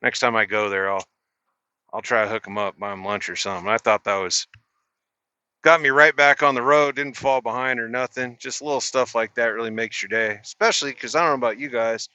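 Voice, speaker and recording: A man's voice: medium pitch, steady tone, brisk, bright, forceful tone, clear, resonant tone, dry recording, muffled recording. A middle-aged man, a truck driver, casually telling a story in a laid-back, profane, rambling way with restarts.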